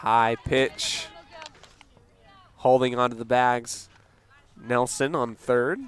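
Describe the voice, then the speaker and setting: Slow-paced man calling softball. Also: medium pitch. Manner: calm, unhurried play calling with fillers, lifting on big plays. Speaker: play-by-play announcer. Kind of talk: local radio softball commentary.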